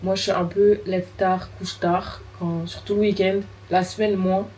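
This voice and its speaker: A young woman with a hoarse, raspy voice from being sick, chatting casually as a book vlogger. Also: mid-range voice, flat delivery, a little slow, warm tone, a little hiss or hum, rough recording. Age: young adult. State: hoarse and raspy from illness, with a cough. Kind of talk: casual vlog chat.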